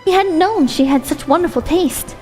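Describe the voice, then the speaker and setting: A woman's voice: extremely high pitch, lively intonation, moderate pace, darkish tone. A woman reading a short story aloud as its narrator. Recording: long hall reverb with music.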